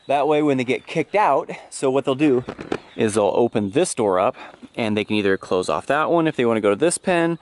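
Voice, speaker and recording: A man in his thirties, medium-pitched, leads an informal, off-the-cuff walking tour of farm pens outdoors, explaining things loosely. He films on a handheld action camera held at arm's length, so the outdoor audio carries noise and clicks.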